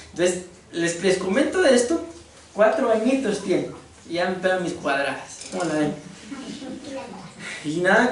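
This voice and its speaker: This high-voiced man, a pastor with a Costa Rican Spanish accent, jokes and asks his congregation rhetorical questions in a chatty sermon. The recording carries slight hiss or hum, and his voice comes from a distance in a very echoey space.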